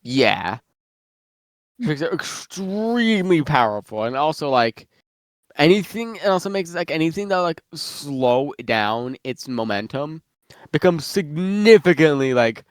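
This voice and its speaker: A man's voice: fairly high pitch, very animated, measured pace, dry recording, clean studio sound. Rambling man, muffled mid-bite. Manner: rambling, many fillers and restarts. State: eating while talking, slightly muffled. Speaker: guest worldbuilder. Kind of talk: casual chat about fictional lore.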